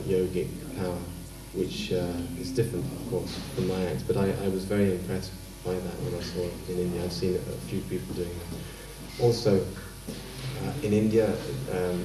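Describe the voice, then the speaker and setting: A man, a street performer interviewed for TV, talking calmly and hesitantly with many pauses. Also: deep voice. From France, raised in England. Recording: roomy echo, distant mic.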